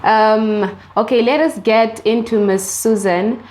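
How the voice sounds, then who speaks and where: A woman's voice: a little high, steady tone, slow, a little mellow, slight background noise. A woman hosting a talk show interview, polite, with some hesitant fillers when she asks questions.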